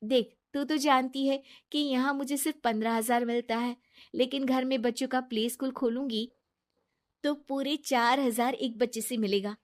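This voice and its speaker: A woman voicing a trusting, earnest young wife in an animated storybook, who talks in a reassuring way. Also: sits high, normal speed, close to an everyday voice.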